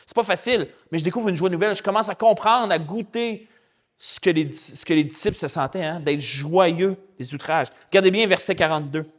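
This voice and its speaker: A man with a Québécois French accent, a pastor preaching a sermon in a lively, colloquial storytelling way. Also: high voice, a little fast. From Quebec. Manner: animated, colloquial and chatty, with spoken English slang.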